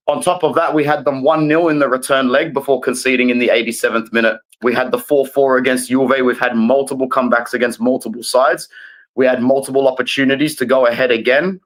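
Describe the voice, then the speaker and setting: A man appearing as a guest fan, giving a passionate rant. He stays calm on the surface but presses every point hard, lecturing the other fans. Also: medium pitch, fairly quick, poor audio.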